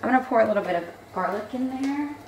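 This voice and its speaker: A woman's voice: fairly high pitch, lively intonation, fast, very noisy. A young woman with a Southern US accent, telling stories to the camera in a chatty, casual way, first from her car and then in her kitchen. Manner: chatty storytelling, lots of "like" and "girl". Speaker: vlogger.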